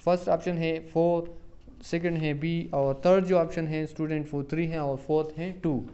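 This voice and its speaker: A male exam-prep lecturer with a slightly higher, mellow voice and a steady tone reads out and explains exam questions on a dull lo-fi recording. He reads the English options slowly and deliberately, explains more quickly in Hindi-Urdu, and often addresses listeners as "student."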